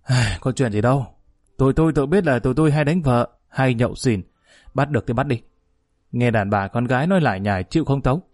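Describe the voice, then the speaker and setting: A man voicing a gruff village man who bluntly brushes off complaints. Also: medium pitch, fairly quick, a little mellow, no room sound, clean studio sound, lightly acted. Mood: dismissive.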